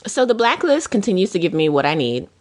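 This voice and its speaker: Animated woman chatting about TV. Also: on the low side, fast. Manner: animated, rambling, dramatic impressions. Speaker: podcast co-host. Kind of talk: casual chat about TV shows.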